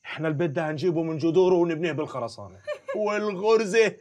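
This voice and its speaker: A man's voice: fairly high pitch, rapid-fire, darkish tone, lightly acted. An actor playing a greedy village man. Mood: scheming. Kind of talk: Egyptian film acting.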